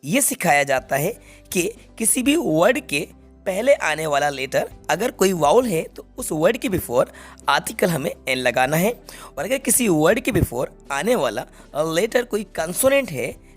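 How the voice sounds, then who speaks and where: A man's voice: a little high, very animated, unhurried, breathy edge, faint music behind. A young man teaching an English grammar lesson to students, explaining step by step and checking that they follow. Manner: explains step by step, repeats key points, checks students understand.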